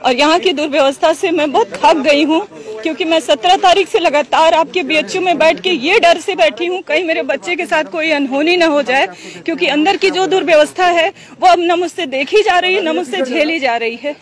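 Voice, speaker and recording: A woman's voice: extremely high pitch, fairly quick. A middle-aged woman, the mother of a hospital patient, gives a distressed, pleading account in an outdoor news interview. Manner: distressed, pleading, tells events at length. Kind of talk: emotional on-street news interview.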